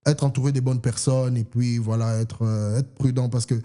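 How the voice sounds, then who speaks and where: Mellow-voiced young man chatting casually. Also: medium pitch, moderate pace. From Canada. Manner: relaxed, mixes in English words. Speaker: guest artist. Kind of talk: casual podcast chat.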